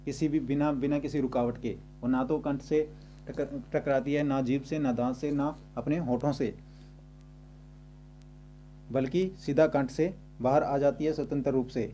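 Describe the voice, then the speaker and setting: A man's voice: medium pitch, fairly even intonation, mellow, a little hiss or hum. A man teaching a grammar lesson, explaining step by step and repeating points as he goes. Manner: repeats and rephrases slowly.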